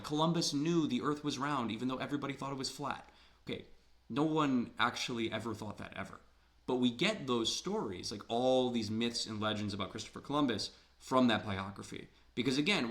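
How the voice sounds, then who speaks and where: An Ohio-born man talks through a literature lecture conversationally, leaning on rhetorical questions and repetition to emphasize ideas. His voice is mid-range and a bit bright, and it's a little worn, as though he is slightly losing it.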